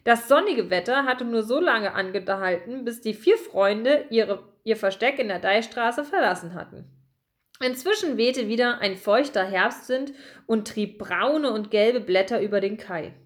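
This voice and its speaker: A woman narrating a children's storybook in an expressive, lively reading voice. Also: a little high, measured pace.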